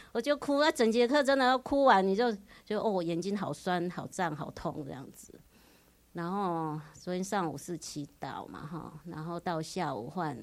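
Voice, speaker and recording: A woman in her forties with a Taiwanese Mandarin accent shares a personal religious testimony before a retreat group. Her voice sits slightly low for a woman, and she speaks earnestly and emotionally, sprinkling her story with frequent interjections. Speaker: retreat participant giving testimony.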